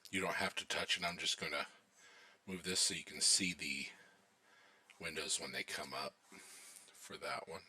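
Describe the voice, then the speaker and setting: A man walking through a software deployment lab as an IT instructor, talking casually to viewers while he watches installs and often pausing on fillers. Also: a bass voice. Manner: relaxed, thinking aloud while watching installs. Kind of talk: screen-recorded tech tutorial narration.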